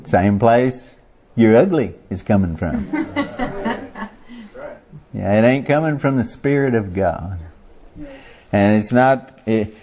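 A man's voice: medium pitch, a little mellow. A man preaching a sermon in a folksy way, asking the congregation questions and chuckling.

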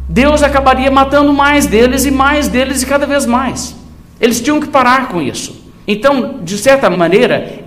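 A man preaching a Bible study in a measured, emphatic way, slowing down to stress his points. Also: high-pitched, fairly bright tone.

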